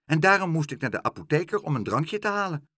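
Man doing a squeaky little lost boy. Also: big pitch swings, fast, sharp tone, dry recording, studio quality, heavily acted. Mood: eager. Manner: high childlike chirping. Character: small lost boy, tearful then cheerful.

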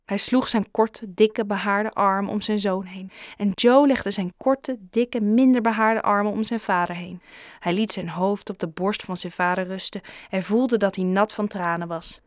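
A woman narrating a children's book in a calm, even-toned reading. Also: mid-range voice, a little slow, no echo, clean studio sound. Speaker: audiobook reader. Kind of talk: scripted storybook narration.

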